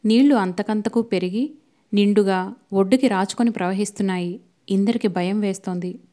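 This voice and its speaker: A woman narrates a novel for an audiobook with a mellow, darkish tone. Her storytelling is steady and even, at a middle pitch for a woman.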